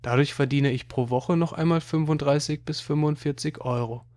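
A man's voice: on the high side, fairly even intonation, moderate pace, darkish tone, lightly acted. A man reading an audiobook, voicing an eager, teasing boy cousin who likes to show off his cleverness.

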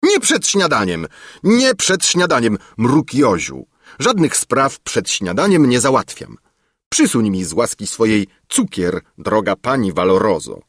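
A man's voice: low-pitched, expressive, moderate pace, few pauses, no echo, clean studio sound. A man voicing an impatient, greedy old king in a storybook reading, fussy and bossy. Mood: irritated.

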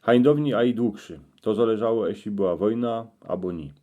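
A man's voice: on the low side, fairly quick, mellow. A man with a Cieszyn Silesian accent, telling a folksy monologue in regional dialect and addressing listeners directly. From Cieszyn Silesia, Poland.

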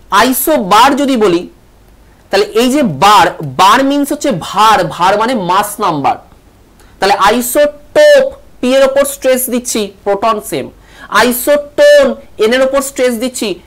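A man's voice: high voice, a bit bright. A man teaching a televised online class, stressing syllables and repeating key words, asking questions and answering them himself.

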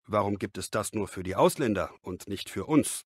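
A man reading the part of an expert being interviewed in a scripted lesson dialogue, measured and explanatory. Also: lowish voice, expressive, breathy edge, no room sound, studio quality.

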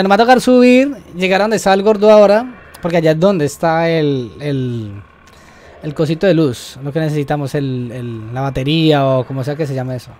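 A young male gamer with a fairly high voice does let's-play commentary as he plays. He's excitable, repeats words in quick bursts, and yelps when something startles him.

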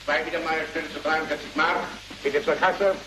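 An actor playing a stern, officious auctioneer, calling bids in formal set phrases in a 1930s film comedy. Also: male voice, a little high, steady tone, brisk, natural voice. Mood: brisk, formal. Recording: noisy, echoey 1930s film soundtrack.

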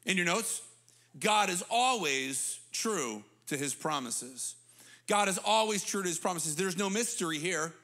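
A man in his thirties, a pastor preaching a sermon on a church stage into a handheld mic, animated and conversational. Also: sits high, a little slow. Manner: animated, gesturing while preaching; conversational, repeats words when restarting. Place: church stage with big screen.

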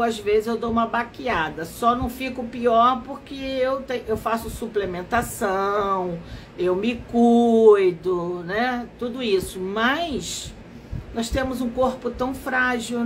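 A woman's voice: a little high, a little hiss or hum, low-quality recording. A woman, a therapist hosting a casual live stream, her voice nasal and stuffy from allergies. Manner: slow, unhurried, explanatory.

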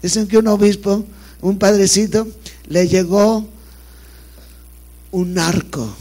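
Bishop guy spinning funny stories at a panel, high voice, lively. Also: takes it slowly. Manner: animated storyteller, laughs at own jokes. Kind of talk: joke-telling talk at a panel.

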